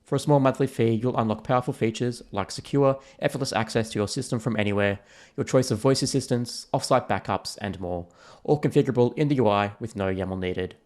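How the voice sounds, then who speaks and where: A man's voice: medium pitch, brisk, darkish tone. A man hosting a podcast, friendly and chatty. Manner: friendly, chatty, reads sponsor lines. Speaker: podcast host.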